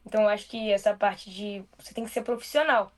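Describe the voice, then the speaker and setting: A young Brazilian Portuguese–accented woman, a journalist, is the guest in a casual interview. She speaks quickly and loosely, full of fillers, with a voice in the mid range.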